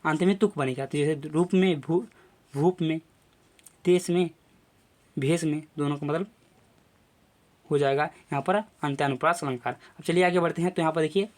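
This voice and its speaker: A young man teaches a grammar lesson in a slightly high voice. He goes through each point step by step and keeps repeating his phrases and fillers as he explains. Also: fairly even intonation, moderate pace, pauses often. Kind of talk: classroom lecture video.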